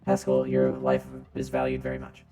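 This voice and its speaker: A man running a tabletop game as game master, his voice passed through a robot voice filter, explaining rules in a relaxed, teasing way. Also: a bass voice, normal speed, over music.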